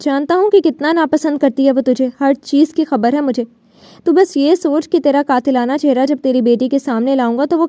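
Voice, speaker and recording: A woman's voice: high-pitched, dark tone, no echo, clean studio sound, lightly acted. A woman reading the part of a vengeful young man in an audiobook novel, with a menacing, sneering delivery.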